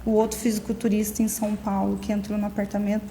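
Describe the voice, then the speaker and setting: A woman's voice: mid-range voice, completely flat delivery, quick pace, mellow, a little hiss or hum. A middle-aged woman, being interviewed and telling her story with emotion while acting out the dialogue. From Minas Gerais, Brazil. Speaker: interviewee, beautician. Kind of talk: personal account in an interview. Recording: reverberant room, faint background ambience.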